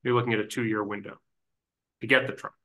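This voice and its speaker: In a council chamber, a man who advises the waste industry explains background informally at a town council meeting, frequently starting over. He has a lowish, bright, forceful voice with fairly even intonation and a slightly quick pace.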